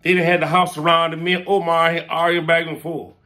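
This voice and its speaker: Animated man telling stories. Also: on the high side, a little fast. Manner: animated, acts out quoted lines, fills with "man". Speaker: interviewee recounting his past. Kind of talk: casual storytelling.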